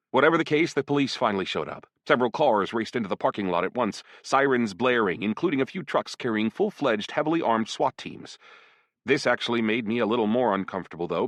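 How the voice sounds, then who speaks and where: Lively male audiobook narrator. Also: on the low side, dry recording. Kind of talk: first-person audiobook narration.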